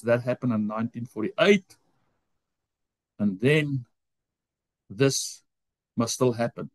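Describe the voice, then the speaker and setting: This man leads a Bible college class by video call, speaking with an Afrikaans accent as a native Afrikaans speaker. His scripture reading is slow, broken up by frequent self-corrections. The pitch is medium and the tone darkish, with no room sound.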